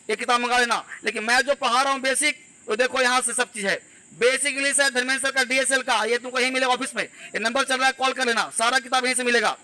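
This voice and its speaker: A man teaching an English pronunciation class, drilling words slowly and repeating them, asking his students rhetorical questions. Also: very high-pitched, sharp tone, rough recording. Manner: addresses students directly, asks rhetorical questions. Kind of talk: classroom lesson.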